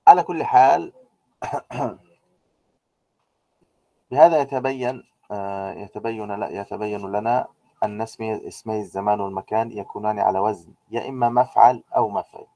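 A man teaching a grammar lesson. He explains step by step, asking rhetorical questions and filling pauses with drawn-out "aah" sounds. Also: lowish voice, warm tone, no echo. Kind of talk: grammar lecture.

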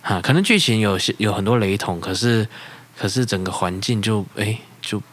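Casting: Taiwanese-accented man, lower register, casual podcast talker who repeats himself while working out a point. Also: animated. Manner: halting, repeats words while explaining. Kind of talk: casual chat.

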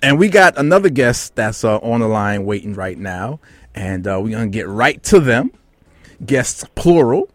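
A man's voice: medium pitch, sing-song, normal speed, dry recording. A man hosting a talk show, introducing guests in a playful hype manner. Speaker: host. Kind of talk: casual radio chat.

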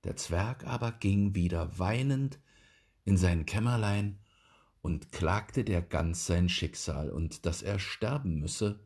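A man narrating a fairy tale aloud in a slow, expressive storytelling manner. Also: deep voice, breathy edge. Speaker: audiobook reader.

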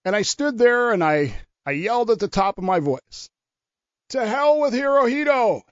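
A man's voice: high voice, lively intonation, moderate pace, smooth, no room sound, highs cut off, pitched above the performer's own voice. A man voicing an eager young soldier in a joke, telling what happened.

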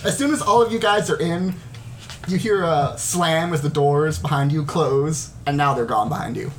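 A man with a high voice for his sex acts as game master. He narrates a tabletop game in a casual, conversational way, with faint noise behind him. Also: normal speed.

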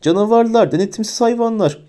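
Male reader doing a shrill, high, self-important middle-aged woman bureaucrat, bossy under the fear. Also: steady tone, fast talker, dark tone, close to an everyday voice. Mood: shrieking. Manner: haughty, frightened and bossy.

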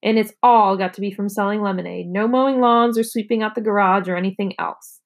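A woman's voice: mid-range voice, steady tone, fairly quick, lightly acted. A woman reading aloud, voicing a stubborn, smug little girl with sassy retorts in a storybook. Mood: scheming.

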